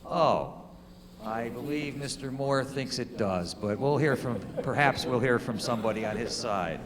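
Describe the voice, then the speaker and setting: Male lawyer, measured questioning, echoing courtroom. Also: medium pitch, crowd noise. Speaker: attorney. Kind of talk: courtroom examination in a mock trial. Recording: long hall reverb.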